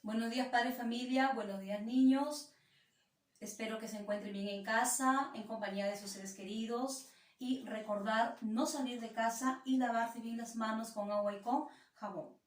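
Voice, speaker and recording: A woman teacher with a Peruvian Spanish accent giving a class lesson, patient and explanatory, repeating example words slowly. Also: fairly high pitch, steady tone. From Peru. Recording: echoey room, voice from a distance.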